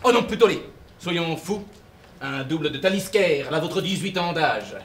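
An actor on a theatre stage playing a pompous, long-winded traveller who lectures about whisky. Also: male voice, fairly high pitch, expressive, normal speed, a bit bright, a little hiss or hum. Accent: French. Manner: pedantic, fussy, long-winded. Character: pompous middle-aged male whisky-loving traveller. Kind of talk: amateur stage play.

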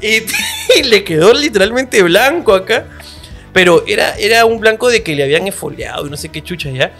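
High, bright-voiced man telling stories. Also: brisk, gravelly, soft background music. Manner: animated storyteller, acts out quotes, laughs often. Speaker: podcast co-host. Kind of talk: casual comedy chat.

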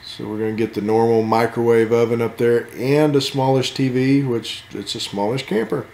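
A man's voice: mid-range voice, steady tone, moderate pace, darkish tone, reverberant. A man casually walking through a camper as an RV channel host, joking and laid-back in his asides. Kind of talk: casual walkthrough commentary. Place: inside a camper at an RV show.

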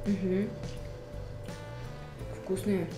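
A woman's voice: mid-range voice, little pitch movement, extremely slow. A woman chatting casually in a vlog with her mouth full, chewing as she murmurs short approvals. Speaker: vlog co-host tasting candy. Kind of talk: casual chat. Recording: echoey room with music playing.

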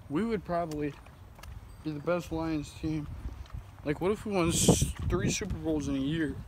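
A man's voice: fairly high pitch, normal speed, very noisy. A young man in a casual vlog, chatting on a phone in a moving car, rambling and joking with many restarts. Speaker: vlogger.

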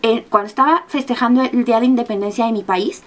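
High-voiced, animated Mexican woman vlogger. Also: fast talker. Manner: animated, acts out her own screams and quoted lines in a higher voice. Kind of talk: casual storytelling.

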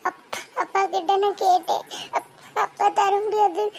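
A woman's voice: very high voice, steady tone, moderate pace, a bit bright, a little hiss or hum. A woman voicing a tearful young college girl who sobs and pleads with her older brother. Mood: sobbing. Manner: sobbing, pleading. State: crying. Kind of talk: cartoon voice acting.

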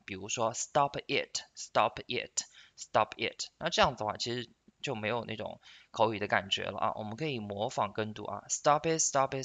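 Male English teacher, clear bright timbre, patient explainer who models phrases slowly for practice. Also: medium pitch. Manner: sentences end in soft drawn-out particles. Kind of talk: explanatory language lesson.

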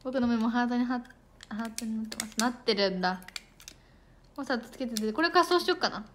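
A young woman chats with her viewers in a fast, bubbly patter, her voice sitting a little high. She thanks them for gifts and trips over words now and then. Faint room ambience hums behind her phone mic. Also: slight background noise. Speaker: idol livestreamer. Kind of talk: casual livestream chat with viewers.

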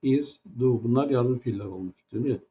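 A man's voice: mid-range voice, fairly quick, mellow, highs cut off, a little hiss or hum. A man teaching an English grammar lesson in Turkish, with a Turkish accent in English. He explains patiently, step by step, and asks many rhetorical questions.

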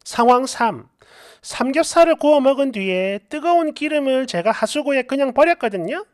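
A woman tells a submitted story in a chatty, storytelling way. Her voice is high and moves a lot in pitch. She keeps a steady narrating flow. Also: moderate pace. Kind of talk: scripted narration of a reader's story.

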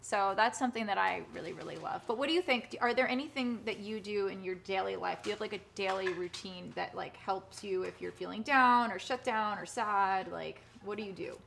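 A woman hosting a live social-media conversation, talking fast and in a bubbly way. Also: mid-range voice, gravelly, fairly bright tone, slight background noise. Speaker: host.

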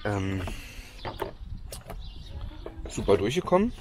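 A man's voice: fairly low pitch, very animated, slow pace. Chatty man vlogging outdoors at a charger. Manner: chatty, explaining while walking around outdoors. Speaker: electric car vlogger. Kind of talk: casual vlog narration. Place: outdoors at a small car park charging station. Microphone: phone camera at arm's length. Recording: loud outdoor background noise.

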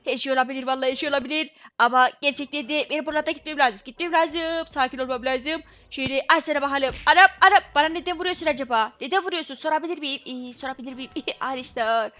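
A woman's voice: high-pitched, fast, a bit bright. A woman commentating her own gameplay as a channel host, exclaiming, laughing and repeating her phrases.

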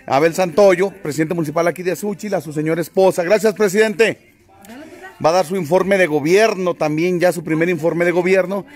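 A man hosts a casual livestream from outdoors in a small town. His voice sits fairly high for a man. He chats jovially, greeting viewers by name and teasing the people around him. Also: brisk. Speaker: vlogger and livestream host.

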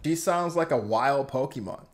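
A man hosting a reaction video, joking casually with crude words and bursting into loud laughter. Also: mid-range voice, expressive, moderate pace, over loud music.

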